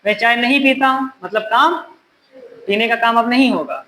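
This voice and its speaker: Male classroom teacher who keeps firing questions at his students and scolds them gently, a bit of faint noise in the room. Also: very high-pitched, normal speed, low-quality recording. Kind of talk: classroom grammar lesson.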